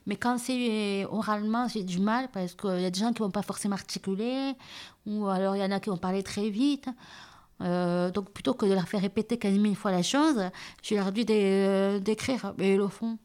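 Hard-of-hearing woman, southern French accent, halting interview answers, mid-pitched. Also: a little mellow. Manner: hesitant, many fillers and restarts. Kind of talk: casual interview.

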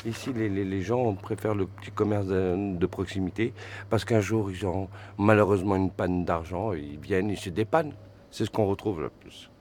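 A man with a fairly low voice talks in an easy, relaxed way, pausing on small hesitations as he explains. Clear shop noise runs behind him in the small grocery. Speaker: shop customer and friend. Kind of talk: casual chat in a shop.

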